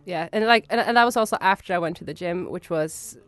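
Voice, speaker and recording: A young woman from Sweden, a native Swedish speaker, chatting casually in English, eager and halting, often restarting. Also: lowish voice, a bit bright, no room sound. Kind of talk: casual chat.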